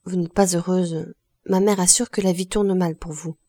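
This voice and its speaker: A woman reading the lines of a shy young blacksmith, speaking haltingly and hesitantly in an audiobook. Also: lowish voice, steady tone, dark tone, no room sound.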